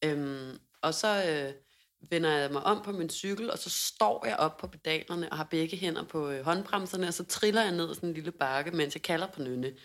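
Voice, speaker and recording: Lively young woman storyteller. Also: deep voice. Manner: animated, laughs while telling, many fillers and restarts. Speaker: podcast co-host. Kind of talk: casual storytelling chat.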